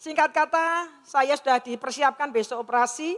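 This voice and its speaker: In a large, reverberant hall, a middle-aged woman with a high voice talks at normal speed, offering an earnest account of her own experience to the audience. As she tells it, she acts out the quoted dialogue.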